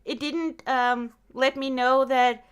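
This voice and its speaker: This woman takes it slowly, her high voice clear and resonant. Hosting a podcast in casual chat, she tells stories with animation and acts out her own reactions.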